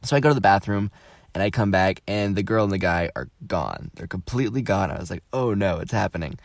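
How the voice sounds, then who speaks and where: A man's voice: sits low, a little fast, no echo, clean studio sound. A young man hosting a podcast, telling a casual story and acting out what people said. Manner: animated, quotes people in changing voices. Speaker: podcast host.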